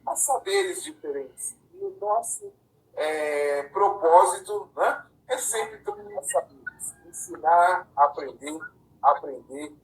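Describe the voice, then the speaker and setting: A man from Paraná hosts a casual live-stream chat, his slightly high voice sitting back from the mic in an echoey room. He talks conversationally and keeps checking in with the listener through tag questions. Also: huge pitch swings, slow pace, distant mic. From Paraná, Brazil. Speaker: live-stream host and councilors' association president.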